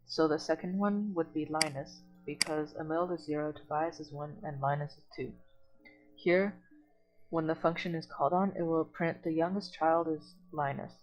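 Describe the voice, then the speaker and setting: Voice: medium pitch, steady tone, normal speed, over music, poor audio. A tutor in an online coding lesson who reads documentation aloud and then explains it plainly, step by step.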